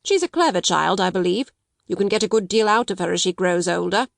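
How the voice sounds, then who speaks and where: A woman's voice: mid-range voice, expressive, fairly quick, dry recording, clean studio sound. A woman voicing a shrewd, unruffled businessman in a storybook, speaking in a detached, faintly sinister manner. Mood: calculating. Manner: detached, smooth-talking, uninterested.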